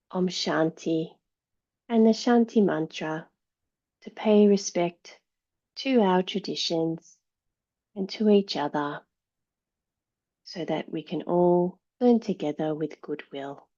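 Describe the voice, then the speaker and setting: Leading a meditation slowly, a woman yoga teacher uses a lowish voice that stays calm and soothing throughout. Long pauses fall between her short phrases. The audio is slightly muffled and dull.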